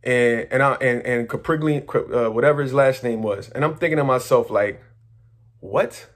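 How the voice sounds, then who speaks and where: Man, mid-pitched, excitable casual storyteller; rambling, slangy, restarts often. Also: fairly quick. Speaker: manifestation coach.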